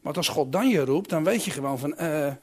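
A man preaching a sermon who asks his listeners direct questions and swings between loud emphatic calls and quiet reflective asides. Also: on the high side, animated, brisk, husky.

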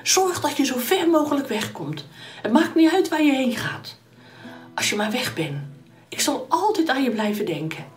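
A woman's voice: high-pitched, big pitch swings, moderate pace, pitched above the performer's own voice. A woman doing a clever, protective young wife. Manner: urgent, protective.

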